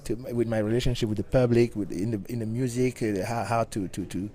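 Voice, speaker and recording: Cameroonian man with a mellow voice. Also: lowish voice. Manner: halting, many restarts, laughs easily. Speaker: guest bassist. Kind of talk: casual interview talk.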